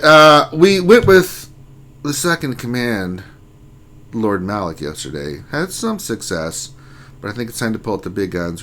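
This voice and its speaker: Bright-voiced man hosting a gaming stream. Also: on the low side, a little hiss or hum. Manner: reads chat names aloud, joking and teasing. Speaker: livestream host. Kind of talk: casual livestream chat.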